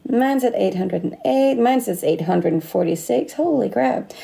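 A Danish woman in her late twenties, with a slight Australian accent, hosts a casual livestream from her phone indoors, reading comments and laughing often. Her voice is a little high, gravelly and mellow, with lively intonation and a moderate pace, the phone held close to her face.

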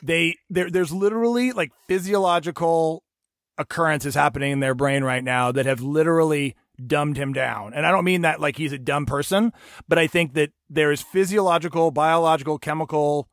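A man's voice: fairly high pitch, moderate pace, a bit bright, dry recording, studio quality. A man hosting a podcast, chatting casually and animatedly about his kids, acting them out as he tells stories. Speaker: podcast host. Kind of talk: casual chat.

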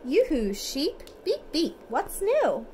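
At home, a mother in her thirties takes it slowly as she reads a bedtime storybook to her toddler. Her high voice rises and dips in a lively, sing-song, encouraging lilt. She's recorded on a phone held at arm's length, with faint noise behind her.

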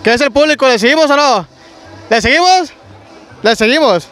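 A young Mexican man with a very high voice runs a rowdy street game outdoors, talking into a handheld mic. He teases the contestants and pumps up the crowd with slang, surrounded by the bustle of a market. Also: lively intonation, moderate pace, a bit bright, faint music behind. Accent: Mexican Spanish. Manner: teasing, hypes the crowd, slangy. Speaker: street prank show host. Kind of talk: energetic street game hosting. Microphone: handheld microphone.

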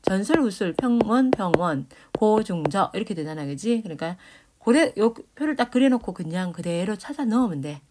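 Her voice sits in the mid range, with lively intonation and a normal pace, over a noisy background. She is lecturing on phonetics as part of a Korean grammar lesson, demonstrating consonants out loud and making sure her students are keeping up.

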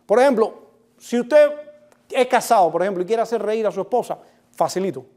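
A Cuban comedian hosting, delivering a stand-up monologue, joking and speaking straight to the audience while acting out different kinds of laughter. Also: male voice, sits high, lively intonation, a little fast, darkish tone. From Cuba. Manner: joking, addresses the audience directly. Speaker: comedian host.

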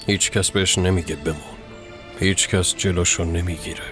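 A man playing a cold, bitter son, very low voice. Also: fairly even intonation, lightly acted. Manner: cold, clipped, curt. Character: bitter, stubborn grown son. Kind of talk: dubbed TV drama. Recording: music playing under the voice.

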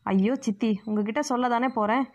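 A woman's voice: on the high side, fairly even intonation, brisk, close to an everyday voice. Woman voicing an earnest young daughter. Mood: pleading. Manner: earnest, pleading. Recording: muffled lo-fi recording.

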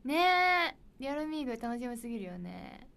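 A young woman with a Kansai accent hosting a casual livestream, chatting brightly and answering viewer comments, often dropping into soft, near-whispered asides. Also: on the high side, animated, fast talker, vocal fry, a little hiss or hum. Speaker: idol livestream host.

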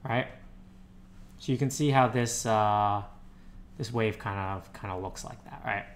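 A man's voice: fairly low pitch, unhurried, a little hiss or hum. A man livestreaming himself programming, explaining code in casual commentary with rambling, muttered asides, close on a desktop microphone. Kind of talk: casual live-coding commentary. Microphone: desktop USB microphone. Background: faint keyboard typing.

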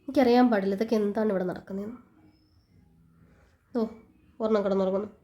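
A woman, telling a lively story in a casual home vlog. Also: mid-range voice, brisk. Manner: lively storytelling, talks to her pets. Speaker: vlogger.

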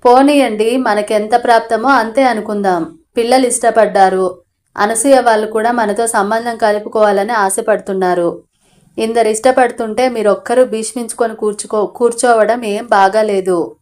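Woman reading as a gentle, soothing mother. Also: a little high, steady tone, normal speed, natural voice. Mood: pleading. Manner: soothing, pleading. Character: gentle worried middle-aged mother.

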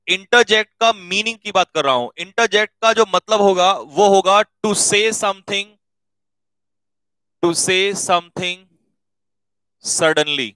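A man teaching exam vocabulary, brisk and coaxing, repeating words so students can note them down. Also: high voice, sharp tone, no room sound, low-quality recording. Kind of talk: exam-prep video lesson.

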